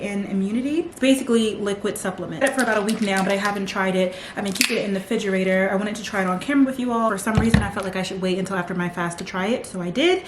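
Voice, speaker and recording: A woman's voice: mid-range voice, roomy sound, a little hiss or hum. A young woman in her twenties chatting casually to camera for her vlog, leaning on lots of "like" fillers. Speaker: vlogger. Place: home.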